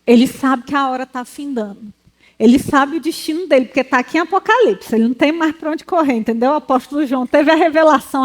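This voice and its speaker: A woman from Brazil preaching at church into a handheld mic, animated and teasing, acting out the people she quotes. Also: sits high. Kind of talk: lively church teaching. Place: church hall.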